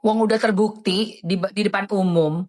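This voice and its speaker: A woman's voice: medium pitch, steady tone, normal speed, a little mellow. A woman doing live-stream commentary in a dramatic, indignant way, often calling her listeners darling.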